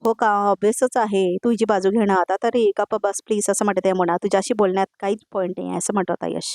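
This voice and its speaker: Brisk woman narrating a serial recap. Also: mid-range voice, little pitch movement, darkish tone, no room sound, studio quality. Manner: retells scenes line by line, tagging each quote; addresses viewers directly with asides. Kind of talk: voice-over episode recap.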